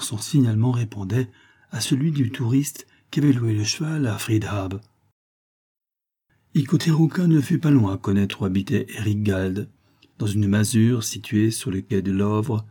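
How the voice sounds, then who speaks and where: A man reads a detective story aloud in a measured, steady storytelling manner. His voice is low and husky, with a dark, mellow color. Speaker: narrator. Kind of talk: audiobook reading of a detective story.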